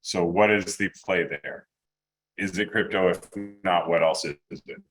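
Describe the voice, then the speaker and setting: A man in a casual panel discussion, asking questions in a halting way as he thinks aloud and restarts his sentences. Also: sits low, fairly even intonation, a bit bright. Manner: halting, thinking aloud with repeated false starts.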